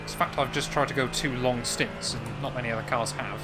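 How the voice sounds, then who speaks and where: A man's voice: medium pitch, steady tone, fairly quick, over loud music. A man chatting casually as he streams a racing game from his room at home. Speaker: sim racer streaming his race. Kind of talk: casual gaming commentary with friends. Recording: engine and car noise behind the voice. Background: racing game car sounds.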